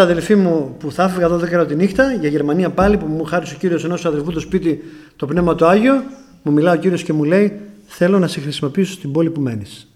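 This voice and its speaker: A man's voice: a little high, a little mellow. A middle-aged Greek man from Greece preaching a testimony sermon, telling a story and often calling out to the brothers.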